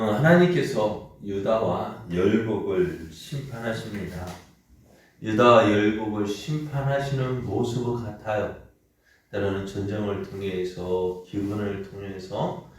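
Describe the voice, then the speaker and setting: A man pastor giving an early morning sermon in a conversational way, often asking the congregation questions. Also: lowish voice. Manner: acts out quoted parents with shouted lines. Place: church sanctuary. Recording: very echoey room, mic at a distance.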